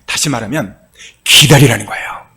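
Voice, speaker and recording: A male pastor preaching a sermon with passion, moving from soft, quiet passages to loud cries. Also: medium pitch, normal speed, gravelly, slightly rough. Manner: impassioned preaching, swinging from soft to shouting.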